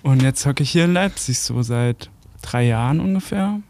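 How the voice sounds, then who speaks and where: Easygoing young musician guest. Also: male voice, mid-range voice, lively intonation, moderate pace, darkish tone. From Karlsruhe area, Germany. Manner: casual, slangy, easygoing. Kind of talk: casual radio interview. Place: radio studio.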